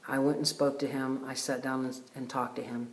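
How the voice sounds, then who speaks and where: A man hosting a retreat, giving a casual, heartfelt video message with many pauses and fillers. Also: mid-range voice, little pitch movement. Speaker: retreat host. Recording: roomy echo.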